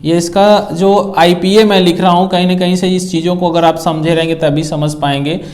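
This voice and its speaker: Speaking in a level, darkish, high-pitched voice at a moderate pace, a man patiently explains English grammar while writing on a board. He blends Hindi with English phrases and keeps checking in with the listener.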